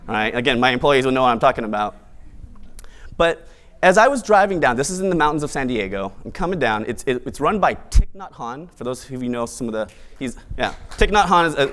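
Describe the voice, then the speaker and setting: A man's voice: medium pitch, clean tone. A man hosting a live event, giving an opening monologue in an upbeat, playful, conversational way. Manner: bright, upbeat event host. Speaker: event emcee and host.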